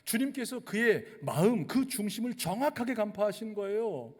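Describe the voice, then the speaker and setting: A man's voice: high voice, big pitch swings, normal speed, a little mellow. A male pastor from delivering a sermon to his congregation and leading them through call-and-response readings. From Chungcheong region, South Korea. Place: church sanctuary. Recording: long church hall reverb.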